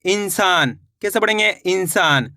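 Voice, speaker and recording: Man, reading teacher, encouraging, slow deliberate pace, dry close sound. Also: high-pitched, pushed and bright, no room sound. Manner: drills words syllable by syllable, repeating each word; encouraging, addresses viewers as friends. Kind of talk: slow spelled-out reading lesson.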